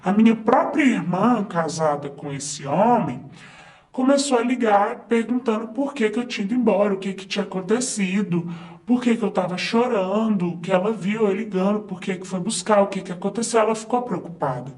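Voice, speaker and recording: A man's voice: high-pitched, normal speed, a little mellow. A man narrating a first-person story in a conversational way, with fillers and asides to the listener.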